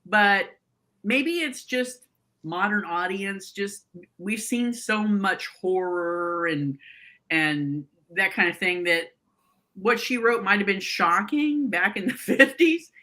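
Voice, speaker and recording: A woman's voice: medium pitch, slow, pushed and bright. A woman in her sixties co-hosting a podcast in casual, joking chat with a playful, folksy way of talking. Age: 60s. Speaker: podcast co-host.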